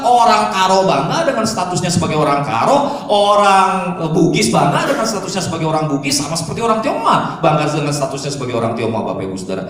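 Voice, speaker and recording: A man preaching a sermon as pastor, telling lively stories and mimicking regional dialects. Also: sits high. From Indonesia. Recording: echoey hall, distant mic.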